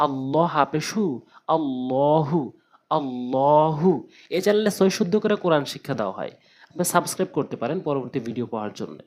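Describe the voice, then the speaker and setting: A fairly high-voiced man teaches Quran recitation. He takes each Arabic word apart slowly, syllable by syllable, then says it whole, in a patient teaching voice. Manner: drills syllables slowly, letter by letter, then repeats whole words. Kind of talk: spoken tutorial with slow spelled-out recitation.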